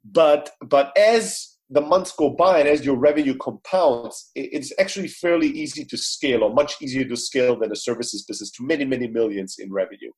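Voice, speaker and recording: Husky-voiced man telling a story. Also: mid-range voice. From Greece. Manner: fast, energetic storytelling with many fillers. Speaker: startup CEO guest. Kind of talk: podcast interview.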